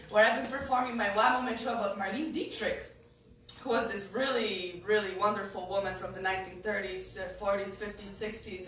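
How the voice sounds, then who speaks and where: Woman telling her life story, bright voice, pretty far from the mic. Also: a little high, a little hiss or hum. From Poland. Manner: candid, laughing, lots of fillers and restarts. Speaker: speaker at a benefit event. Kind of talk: personal story told to a live group. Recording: echoey room, voice from far off.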